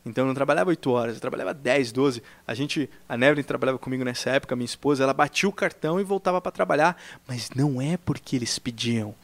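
A man in casual chat telling a work story, animated and acting out old conversations, saying "cara" often. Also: medium pitch, fast talker, hardly any pauses, no room sound. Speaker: podcast co-host telling his work story.

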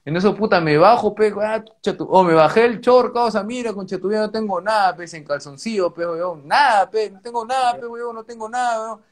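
Slangy young Peruvian man, high voice. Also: a little fast, hardly any pauses. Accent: Peruvian Spanish, Lima slang. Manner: animated street-slang storytelling, heavy fillers, swearing. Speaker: storyteller. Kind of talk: casual chat.

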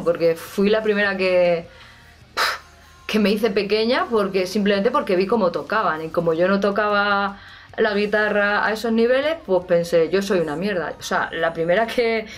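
A woman with a Spanish accent from Spain, a rock singer talking casually and candidly to her audience, emphatic, swearing freely and restarting her sentences. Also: medium pitch. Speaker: rock singer and vocal coach. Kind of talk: casual personal storytelling to camera.

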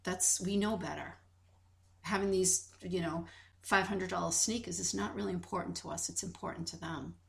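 A woman's voice: fairly low pitch, steady tone, moderate pace, vocal fry, a bit bright. A woman co-hosting a podcast, talking earnestly in casual conversation and retelling a story with many restarts. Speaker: podcast co-host.

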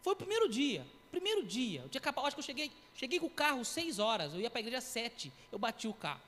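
A man in his thirties giving a sermon testimony, telling his story in a lively way with acted-out quotes and sound effects. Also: very high-pitched, quick pace, big-room sound. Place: church.

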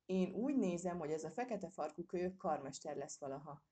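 A woman's voice: on the low side, lively intonation, dark tone, lightly acted. A woman voicing an impatient old father squirrel who grumbles and presses for answers. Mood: grumbling.

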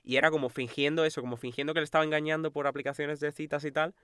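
A man's voice: a little high, very fast, clear, resonant tone, dry recording, clean studio sound. A young man from Spain co-hosting a casual podcast chat, retelling stories and acting out quotes. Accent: Spain Spanish. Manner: animated storytelling, acting out quotes, frequent laughter. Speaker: podcast co-host.

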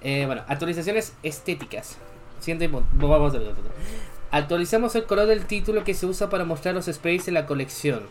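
A young Chilean streamer reads game patch notes aloud in a slightly high, fairly quick voice, with faint music behind. Between items he chats casually with viewers in easy asides.

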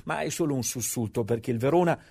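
A man's voice: medium pitch, fast, creaky, a little mellow, breathy edge. A man narrating scripted sports history as a storyteller, with conversational rhetorical asides.

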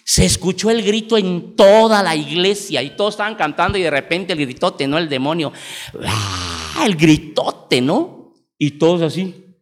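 High-voiced Mexican preacher in a hall. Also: male voice, moderate pace. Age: 40s. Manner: animated, emphatic storytelling. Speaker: pastor. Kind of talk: sermon. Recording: long church hall reverb.

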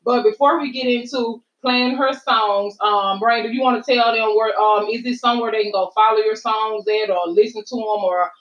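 A woman's voice: fairly high pitch, fairly even intonation, moderate pace, hardly any pauses, fairly bright tone. A woman with an American accent hosting a podcast in a casual, chatty way, informal and rambling. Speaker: podcast host. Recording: roomy, distant, slightly dull mic.

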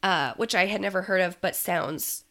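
A woman's voice: fairly low pitch, moderate pace, bright, forceful tone. A woman co-hosting a podcast, chatting casually with plenty of ums and easy laughs. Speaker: podcast co-host. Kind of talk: casual chat.

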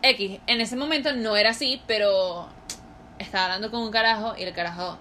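Teen girl co-hosting a podcast, bright voice, rambly stories, faint noise behind. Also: medium pitch, a little fast. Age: late teens. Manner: rambling, storytelling, laughs often. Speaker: podcast co-host. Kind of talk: casual chat.

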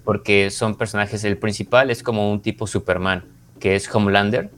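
Low-voiced Mexican man chatting casually. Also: fairly even intonation, normal speed, fairly bright tone, a little hiss or hum. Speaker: podcast co-host and series reviewer. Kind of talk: casual chat review.

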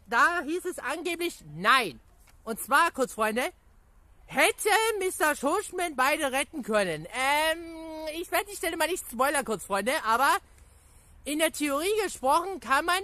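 A gaming YouTuber rambling excitedly through a casual video reply to viewers, full of pet phrases and laughter. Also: high-pitched, no echo. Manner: rambling, chatty, repeats catchphrases and fillers.

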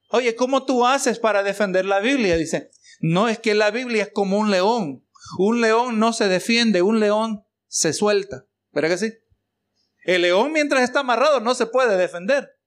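A man's voice: high-pitched, a bit bright. A man preaching a sermon as pastor, mixing rhetorical questions and exclamations of praise for the congregation.

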